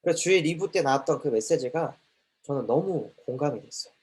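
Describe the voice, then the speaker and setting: Lively, emphatic male preacher. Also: a little high, brisk. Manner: emphatic, rising and falling preaching with repeated phrases. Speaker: preacher for children's ministry. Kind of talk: sermon.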